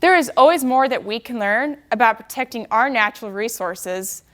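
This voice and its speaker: A woman's voice: fairly high pitch, animated, moderate pace, fairly bright tone. A young woman giving a prepared contest speech, with a stiff, rehearsed delivery that sounds memorized.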